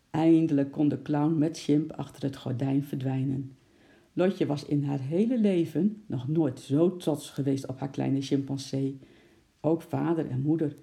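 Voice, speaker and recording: A man reading a children's storybook aloud in a steady, expressive narration. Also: a little high, vocal fry.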